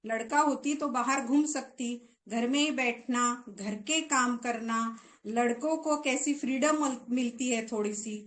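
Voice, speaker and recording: A woman's voice: a little high, unhurried, natural voice. A woman reading out a sulky teenage girl. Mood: grumbling. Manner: blurting, complaining. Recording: roomy echo.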